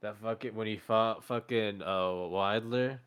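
A young man in casual podcast chat, talking like an excitable frat bro with heavy swearing. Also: on the low side, unhurried, clean tone. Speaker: podcast co-host.

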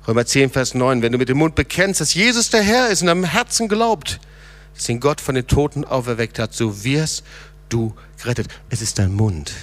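A middle-aged man preaching a sermon, moving between quiet low passages and raised, urgent calls.

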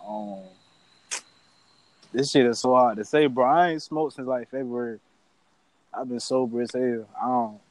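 A man with an American accent chatting casually as a guest, unsure and halting, with slang and swearing. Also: medium pitch, a little mellow, low-quality recording. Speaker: podcast guest.

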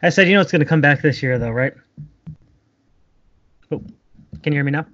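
A man talks casually over an online call. His audio sits a little high and sounds dull and lo-fi, and the connection keeps cutting out in bluetooth-like dropouts. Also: a little fast, fairly bright tone. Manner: loose, rambling, with many fillers. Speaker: podcast co-host. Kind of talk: casual chat about wrestling.

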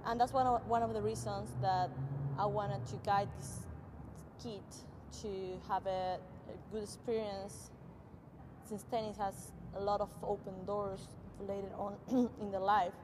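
A young Argentine woman with a medium-pitched voice answers interview questions as a tennis coach, her Argentine Spanish accent clear. She speaks unhurriedly in a level tone, using simple phrasing with small grammar slips. The recording has long reverb and faint noise.

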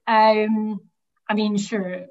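A woman from the Highlands of Scotland with a Highland Scottish accent, chatting casually as a runner in an interview and thinking aloud. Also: little pitch movement, drawn-out words, darkish tone, muffled recording. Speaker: cross country runner being interviewed.

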